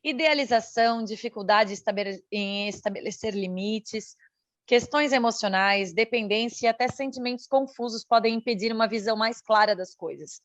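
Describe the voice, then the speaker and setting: A woman in her thirties from Santa Catarina, co-hosting a podcast with measured reading and teasing banter. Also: a little high, fairly bright tone, no echo, highs cut off. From Santa Catarina, Brazil. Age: 30s. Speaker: podcast co-host. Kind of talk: podcast chat and scripted reading.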